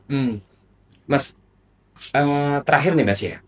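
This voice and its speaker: A man's voice: mid-range voice, takes it slowly, distant mic. A man hosting a podcast interview, asking questions and echoing and affirming his guest. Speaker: podcast host.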